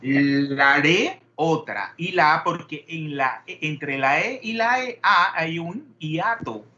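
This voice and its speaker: A man's voice: a little high, takes it slowly, pushed and bright, dull audio, a little hiss or hum. A man teaching a chemistry class, peppering students with questions and wandering into digressions. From Panama. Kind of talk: classroom lecture.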